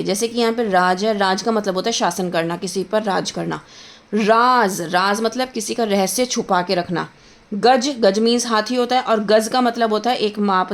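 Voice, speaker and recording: A patient woman teacher walks through a grammar lesson, her voice sitting at an ordinary middle pitch. She slows down to spell words out and repeats them, and she keeps checking in with her students. English words slip into her explanations now and then. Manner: mixes English words into Hindi.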